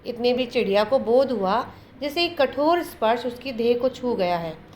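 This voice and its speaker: A woman teacher reads a children's textbook story aloud and explains it in simple words. She then goes through word meanings and synonyms one by one in a fairly high voice. Faint background noise sits under the voice. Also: expressive, moderate pace, darkish tone. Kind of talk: reading and explaining a textbook lesson.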